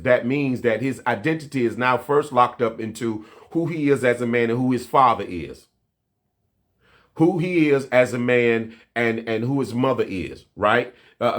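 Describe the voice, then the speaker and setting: A man's voice: medium pitch, fairly bright tone. Male pastor preaching on a livestream, street slang, keeps repeating himself to build up. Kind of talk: sermon. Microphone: livestream mic.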